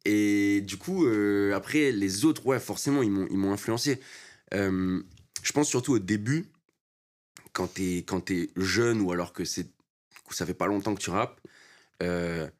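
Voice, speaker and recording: A man's voice: lowish voice, unhurried. A young man in his twenties, a rapper guest, talking casually in street slang with lots of fillers. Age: 20s. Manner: laid-back street slang, many fillers. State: short on sleep. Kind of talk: casual interview chat.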